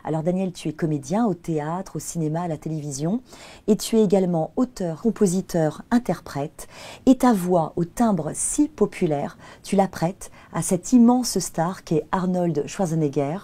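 A woman's voice: on the low side, moderate pace, mellow. A woman hosting an interview, asking questions in an admiring tone. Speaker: interview host.

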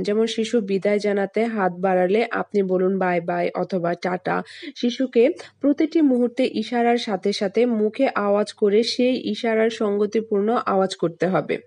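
Woman host, mid pitch, dry close voice-over, steady instructive delivery of parenting tips. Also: no echo.

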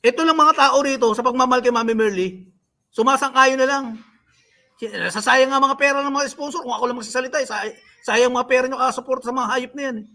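A man's voice: extremely high pitch, quick pace, vocal fry, sharp tone. A man hosting a livestream, mocking and scolding the people he talks about in a rant. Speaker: livestream host. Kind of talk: live-stream commentary.

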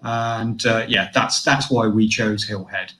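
A man's voice: fairly low pitch, fairly even intonation, unhurried, sharp tone, roomy sound. A man reviewing a caravan site in a casual online show, chatty, with lots of fillers and restarts.

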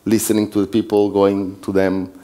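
His delivery is completely flat, lowish and mellow, at a moderate pace. He's one of the organizers of a developer conference, a southern Swiss man with an Italian accent presenting in English in a conference hall, with restarts, slips and laughs.

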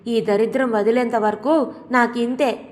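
A woman's voice: a little high, fairly even intonation, a little slow, a little mellow, close to an everyday voice. A woman voicing a harsh, resentful middle-aged wife who scolds sharply. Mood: angry. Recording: long hall reverb.

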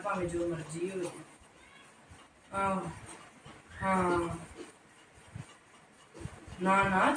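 A woman's voice: mid-range voice, a bit bright, natural voice. A woman playing a nagging older mother-in-law in a comic family skit, with a Punjabi accent, who grumbles and scolds. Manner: grumbling, complaining, quick to scold. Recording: roomy, distant, noisy home recording.

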